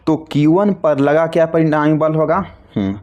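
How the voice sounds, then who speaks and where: In a classroom lecture explaining a derivation, a man teaches physics, asking questions and answering them himself in a repetitive, coaxing way while affectionately calling students "babu." His voice is fairly high, fairly even in intonation, a little mellow, and at normal speed. The sound is lo-fi.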